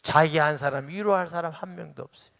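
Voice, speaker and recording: A man's voice: fairly high pitch, a little fast, creaky, fairly bright tone. A middle-aged man, preaching a sermon as pastor and acting out quoted dialogue with rising emphasis.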